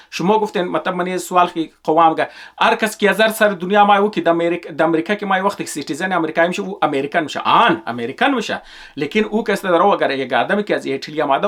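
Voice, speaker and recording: A man's voice: fairly high pitch, a bit bright. A man speaking Dari with a Hazaragi accent, giving an emphatic, repetitive political commentary on his channel.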